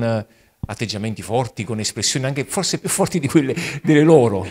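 A priest giving a catechesis talk to his parish, reflective and addressing listeners directly. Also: medium pitch. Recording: long reverb of a large hall.

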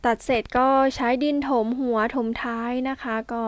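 A woman's voice: on the high side, fairly even intonation, moderate pace, no echo. A woman farmer explaining in a casual, polite way, step by step, how she prepares a planting field. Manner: polite, explains step by step, adds soft particles. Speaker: farmer demonstrating field work. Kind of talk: casual instructional talk.

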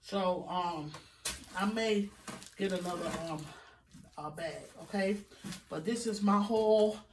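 In a relaxed grocery haul vlog, a middle-aged woman talks to viewers from her home kitchen, speaking slowly at a medium pitch and dropping plenty of fillers and "okay, guys" asides. The phone camera sits on the counter a few feet off, so the sound is distant and noisy in the background.

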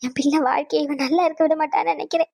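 A woman's voice: extremely high pitch, fast talker, a bit bright, dry recording, studio quality. A woman voicing an older mother-in-law in a cartoon family drama, wailing and accusing.

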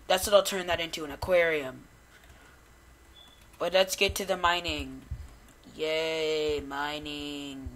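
A man's voice: sits high, slight background noise. Rambling young-sounding guy narrating gameplay. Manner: rambling, chatty self-talk with many restarts; quickly excited by small discoveries. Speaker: gamer recording gameplay. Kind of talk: casual gameplay commentary.

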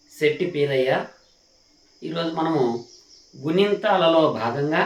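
A man teaching a beginners' grammar lesson, speaking slowly and patiently, repeating each point and checking that learners follow. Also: on the high side, a bit bright, far from the mic. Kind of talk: classroom lesson. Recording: echoey room, voice from off the mic.

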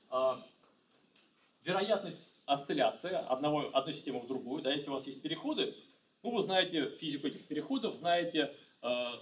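A middle-aged man lectures on physics and often stops to restart his sentences. His voice sits a bit high. He was recorded from a distance in a reverberant lecture room. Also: slight background noise. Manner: halting, many fillers and restarts. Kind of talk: university lecture at a blackboard. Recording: echoey lecture hall, mic far off.

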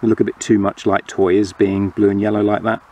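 A man casually narrating a toy playset review, explaining the features in a relaxed way. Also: on the low side, a little fast.

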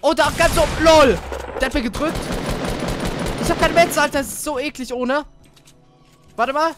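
Excitable young gamer. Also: male voice, very high-pitched, moderate pace, background noise. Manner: excitable, swears casually, talks to teammate while playing. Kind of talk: casual gaming commentary.

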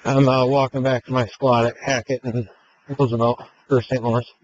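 A man's voice: medium pitch, a little hiss or hum. Level-voiced man over a police radio. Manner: calm, matter-of-fact, halting. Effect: heard over a police radio. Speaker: police officer. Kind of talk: radio traffic with codes. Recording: muffled radio transmission.

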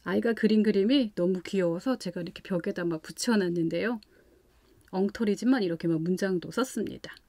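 A woman hosting a parenting channel walks parents through a children's vocabulary lesson. She explains calmly and patiently, step by step, with examples. The sound is close and dry, with no room around it. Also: medium pitch, a little fast, no echo. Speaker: parenting channel host teaching English at home.

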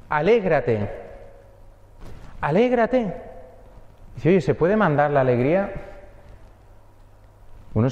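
A man's voice: on the high side, dark tone, reverberant, in a large hall, dull audio. A man, a priest giving an earnest sermon that speaks straight to each listener. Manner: earnest, addresses listeners directly.

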